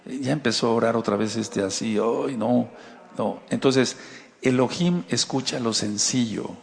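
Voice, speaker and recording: A man's voice: medium pitch, moderate pace, gravelly, long reverb tail. A man with a Mexican accent, giving a conversational sermon as a Torah teacher and asking his listeners rhetorical questions. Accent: Mexican Spanish.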